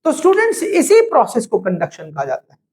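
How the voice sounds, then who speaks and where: A man's voice: very high voice, wildly swooping pitch, fairly quick, darkish tone, rough recording. Pakistani man giving a physics lecture. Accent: Pakistani Urdu. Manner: explains step by step, mixing in English phrases, addressing students directly. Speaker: physics teacher. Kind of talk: classroom lecture.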